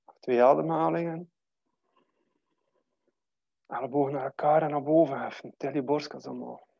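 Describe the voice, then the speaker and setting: A man guiding a yoga class, calmly cueing breath and posture in a steady way. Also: a little high, normal speed, gravelly, no room sound, muffled recording. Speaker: yoga teacher. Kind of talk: guided yoga class instruction.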